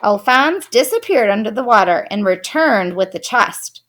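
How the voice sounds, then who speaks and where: A woman expressively reading a children's picture book aloud. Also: medium pitch. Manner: expressive, unhurried. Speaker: storyteller.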